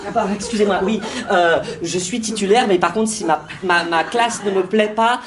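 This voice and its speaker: A man's voice: high-pitched, moderate pace, a crowd in the background, close to an everyday voice. Flustered young female schoolmistress, played by a man, stammering on her first day, stage improv with audience noise, roomy sound. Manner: flustered, stammering, many hesitations.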